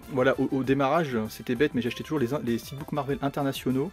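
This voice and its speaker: Male vlogger, middle pitch, casual and rambling, faint background music. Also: darkish tone. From France. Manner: chatty, rambling with many fillers and restarts. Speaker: steelbook collector vlogger. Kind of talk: casual collection showcase.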